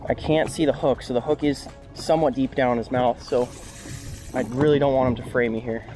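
In a low-quality clip with music in the background, a young fishing vlogger speaks a little fast in a steady, mid-range voice. He narrates upbeat to an action camera on his open flats boat while working the line, with wind and boat noise outdoors.

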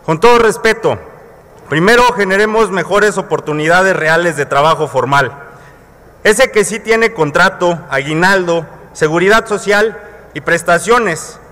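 Mexican guy in his 30s at the podium, high-ish voice, lots of rhetorical questions, big hall reverb. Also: measured pace, sharp tone. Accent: Mexican Spanish. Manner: colloquial, rhetorical questions to colleagues. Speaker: legislator. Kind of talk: parliamentary floor speech. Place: large legislative chamber, indoors. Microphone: podium microphone. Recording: long reverb of a large hall.

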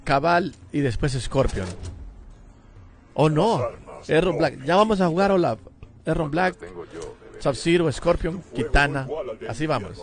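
A man's voice: fairly high pitch, animated, unhurried, long pauses, a crowd in the background. A middle-aged man from El Salvador streaming a fighting game from home, chatting casually and greeting viewers by name through a headset mic. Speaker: gaming streamer. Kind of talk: casual live-stream commentary. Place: home gaming room, indoors. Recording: game music loud behind the voice. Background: game music and sound effects.

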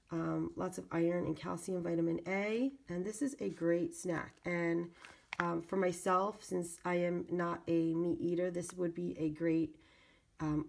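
Low, creaky-voiced woman with a cold. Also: a little mellow. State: congested from a lingering cold. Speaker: video channel host. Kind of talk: casual product unboxing narration.

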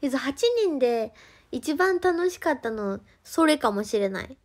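A woman's voice: sits high, animated, measured pace. A young woman with a Kansai accent chatting casually on a solo livestream, playful and giggly, referring to herself by her own name. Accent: Kansai Japanese.

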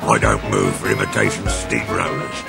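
A man voicing a rude, gruff male steamroller in a storybook reading, with a sneering manner. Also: extremely low pitch, lively intonation, moderate pace, over loud music, voice pushed down, exaggerated voice. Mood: scornful.

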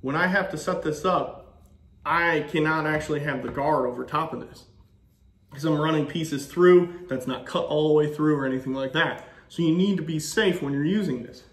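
A man's voice: fairly high pitch, moderate pace, a little hiss or hum. Thirties male workshop host, practical and joking, recorded in an echoey shop. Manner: folksy, practical, joking asides. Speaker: woodworking channel host. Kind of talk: casual how-to demonstration. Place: home woodworking shop, indoors. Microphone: camera-mounted, filmed at arm's length and from a tripod.

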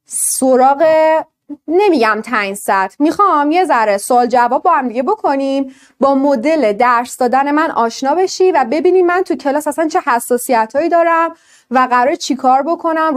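A woman teaching an online English class, explaining pronunciation to students in a lively way and asking them questions. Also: high voice.

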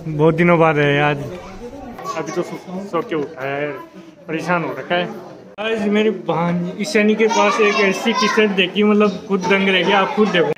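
A young man filming a casual family vlog, chatting and teasing children loudly as he goes. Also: high-pitched, steady tone, a little slow, over a noisy crowd. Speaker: vlogger.

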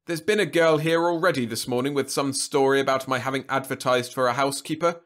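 A man's voice: mid-range voice, fast talker, fairly bright tone, voice pushed up, lightly acted. A man doing a sardonic old doctor. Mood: gruff. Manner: savage, sarcastic.

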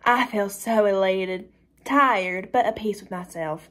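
Woman doing a young cult girl, bragging all cold and flat, then gets excited, script reading. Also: mid-range voice, takes it slowly. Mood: gleeful. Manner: boastful, coldly matter-of-fact with bursts of excitement. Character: callous young woman cult member, gleeful about violence.

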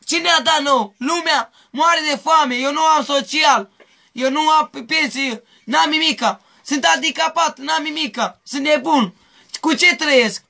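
Guy from mehedinti, real high sharp voice, rambly and repeating himself in a street interview. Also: gravelly. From Mehedinți, Romania. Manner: rambling, repetitive pleading.

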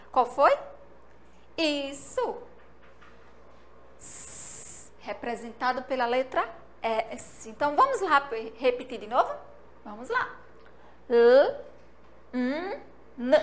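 A Brazilian woman teacher with a Sergipe accent, giving a remote lesson to young children and drilling syllables in a slow, sing-song way from a school studio. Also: high-pitched, fairly bright tone. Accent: Brazilian Portuguese, Sergipe.

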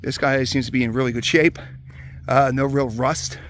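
A man from the Hershey area of Pennsylvania walks outdoors through an old amusement park, talking casually into a handheld camera. His delivery is relaxed and conversational, dotted with "uh" and "um" as he points out rides. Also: mid-range voice, normal speed, slight background noise. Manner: relaxed, chatty, many "uh" fillers. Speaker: vlogger exploring a closed amusement park. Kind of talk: casual walk-around commentary.

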